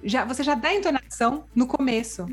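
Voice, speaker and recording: A woman's voice: sits high, animated, quick pace, slightly rough, faint music behind. A woman explaining language points in casual chat, with frequent tag questions and worked examples. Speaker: Spanish language teacher.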